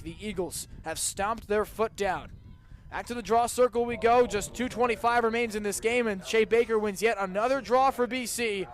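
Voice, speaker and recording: A young, high-voiced man does radio play-by-play for a college game. His calls are brisk and precise, rising sharply whenever someone scores.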